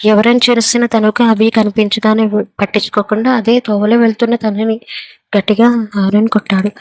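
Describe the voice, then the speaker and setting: A woman reading a serialized romance story aloud in a steady storytelling manner. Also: on the high side, fairly quick, no room sound. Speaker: narrator. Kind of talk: scripted narration of a serial story.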